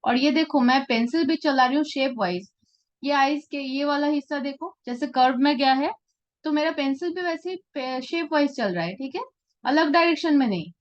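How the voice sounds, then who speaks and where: A woman's voice: sits high, moderate pace, lo-fi sound. A woman teaching a live portrait-drawing class, explaining patiently and often checking that her students follow. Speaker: art teacher.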